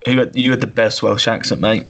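A man's voice: lowish voice, brisk, a bit bright. Chatty podcast co-host man. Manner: chatty, reads out scores. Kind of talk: casual sports podcast chat.

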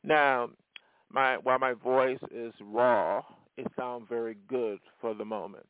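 On his own casual solo podcast, a musician rambles with plenty of fillers and restarts. His voice is medium-pitched, steady, unhurried and clean, and the phone or voice-message recording sounds dry and lo-fi with no echo.

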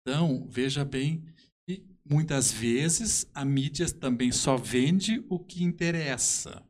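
A musician with a southern Brazilian accent is the guest in a conversational interview. His voice is a little high, and he tells anecdotes haltingly but with emphasis.

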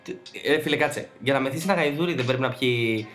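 Podcast guy, middle pitch, swears a lot, quick reactions, light music under it. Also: a bit bright. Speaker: podcast co-host. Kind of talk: casual chat.

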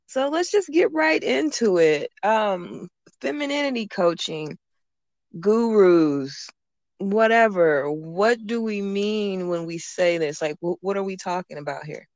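A woman's voice: mid-range voice, animated, a little slow, darkish tone, no echo. A woman hosting a podcast, talking in an informal, conversational way. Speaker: podcast host. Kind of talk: casual podcast interview.

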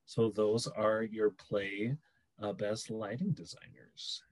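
Young man, podcast co-host, casual chat, excitable, whooping. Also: on the low side, takes it slowly, low-quality recording. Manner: excitable, cheers and whoops loudly.

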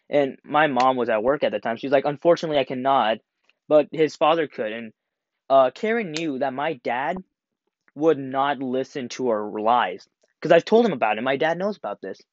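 A young man telling a school story in a casual, animated way, acting out the quotes and laughing as he goes. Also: medium pitch. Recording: dry, slightly dull home recording.

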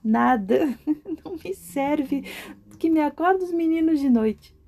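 A woman's voice: sits high, animated, a little slow, gravelly, dark tone, voice pushed up, heavily acted. A woman voicing a fussy female cockroach who turns down suitors and laughs as she talks. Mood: dismissive. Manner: picky, dismissive, breaks into laughter.

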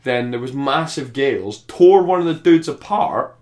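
A man's voice: medium pitch, animated, normal speed, a little mellow. A man chatting casually about a film, thoughtful and rambling, often restarting his sentences. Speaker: film reviewer. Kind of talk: casual podcast chat.

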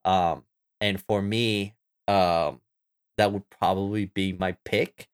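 A man with a fairly low voice co-hosts a podcast. He chats in a relaxed, rambling way, full of "like" and "um". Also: slow pace, clean tone. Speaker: podcast co-host. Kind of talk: casual chat.

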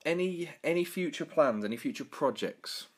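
A man's voice: a little high, animated, normal speed. A man interviewing a guest, mostly giving brief reactions and asking short questions. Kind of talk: casual interview.

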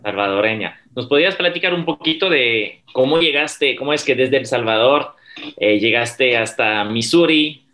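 A man's voice: medium pitch, expressive, moderate pace, bright, forceful tone. A man, a university professor hosting an interview podcast, asking polite questions with a few fillers.

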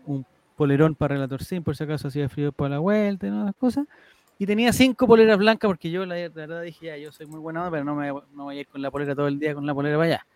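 A man's voice: a little high, darkish tone, dry recording. A man, telling a story as a podcast host in a rambling way, with restarts and laughs. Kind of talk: casual storytelling to co-hosts.

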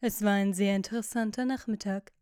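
A woman voicing a witty, cynical aristocratic gentleman who talks in ironic, lecturing tones. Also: mid-range voice, steady tone, brisk, smooth, dry recording, studio quality, lightly acted.

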